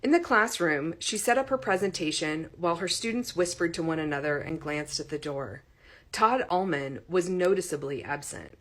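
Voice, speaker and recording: Reading a story aloud as an audiobook narrator, a woman with a voice on the low side delivers the scripted text expressively.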